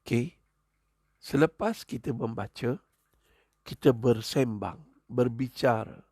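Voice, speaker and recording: A man's voice: mid-range voice, slow pace, breathy edge, no room sound, clean studio sound. A male preacher gives a humorous religious talk, joking and chuckling between his points. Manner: joking, chuckles often, animated asides.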